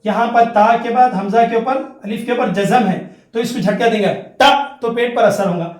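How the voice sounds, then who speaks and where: A man with a high voice teaches a Quran recitation lesson, going over each rule more than once. He chants the example syllables in a slow, drawn-out way. The room has a lot of echo.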